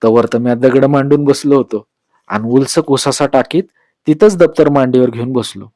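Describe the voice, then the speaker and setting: A man telling a story aloud, with measured, expressive narration in a rural dialect. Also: medium pitch, no echo, studio quality.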